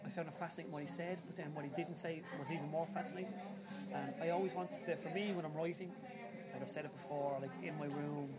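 A man with an Irish accent giving a casual, halting interview as an author, in a low-quality recording. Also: fairly even intonation, loud music behind the voice. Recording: low-quality recording, loud crowd chatter behind.

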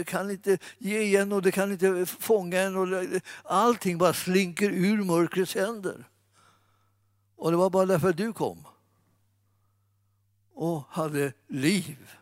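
Man, preacher, conversational sermon, fairly high pitch, dry sound. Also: dry recording. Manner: conversational, animated, fillers and restarts, addresses audience. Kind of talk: informal sermon.

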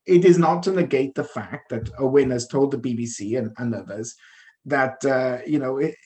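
Casting: male co-host from the Welsh Valleys with that South Wales accent, mid pitch, informal, hesitant, chatty news discussion. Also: moderate pace, darkish tone.

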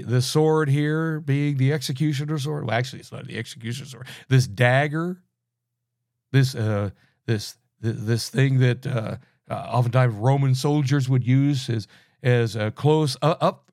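A man's voice: on the high side, darkish tone, no room sound, studio quality. A man teaching a Bible study in a loose, conversational way, asking rhetorical questions and often restarting his phrases.

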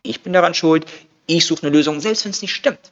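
Man, 30s, podcast guest, rapid and gravelly, animated self-quoting delivery, lo-fi audio. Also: fairly high pitch. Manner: energetic, acts out his own inner voice in quotes. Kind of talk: casual podcast conversation.

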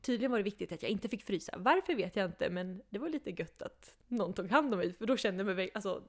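A young woman, a podcast guest, telling a personal story in a casual, animated way, often laughing and acting out what people said. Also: mid-range voice.

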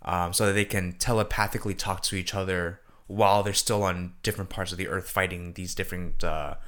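Very deep-voiced man rambling casually. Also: steady tone, a little fast, fairly bright tone. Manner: rambling, hedging, many fillers. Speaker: podcast co-host. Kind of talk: casual chat.

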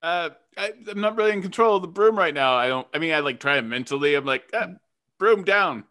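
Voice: medium pitch, quick pace. A player in a tabletop game, joking around. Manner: animated, jokey. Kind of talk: casual game play.

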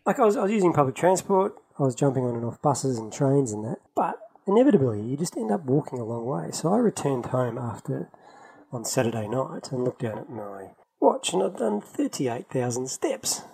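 A male podcast co-host, travelling in London, chats casually and laughs often while telling animated travel stories. He talks a little fast in a mid-range voice with vocal fry, and the recording is rough.

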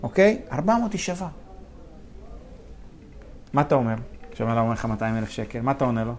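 A man's voice: medium pitch, big pitch swings, darkish tone. A man who is a real estate investor, a guest on an interview show, telling stories animatedly, laughing often and acting out the dialogue. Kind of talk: casual storytelling interview.

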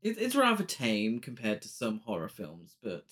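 A man's voice: lowish voice, wildly swooping pitch, normal speed, a bit bright. A man hosting a casual film recap, talking through the plot with cheeky, campy asides. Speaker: podcast host.

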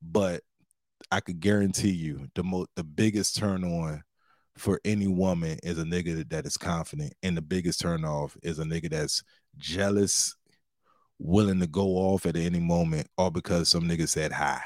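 Guy in his 40s doing a solo podcast, lowish voice, slangy advice talk, real dry sound. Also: steady tone, normal speed, a little mellow, dry recording. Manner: slangy, big-brother advice-giving tone. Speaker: podcast host and stand-up comedian. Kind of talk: casual solo podcast monologue.

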